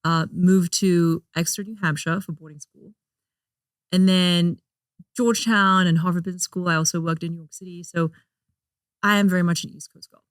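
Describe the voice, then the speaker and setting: Interview guest, woman, lower than average pitch, chatty with plenty of fillers, close and dry. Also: steady tone, moderate pace, no room sound. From Hong Kong. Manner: chatty, laughs often, frequent fillers and restarts. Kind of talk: casual interview chat.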